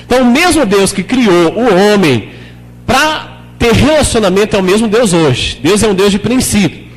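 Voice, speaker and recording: A male pastor with a high voice delivers a sermon in an easy, conversational way. He keeps asking the congregation questions and sometimes acts out prayers in a lower, softer voice. The sound carries a long church reverb. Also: animated, normal speed. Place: church hall.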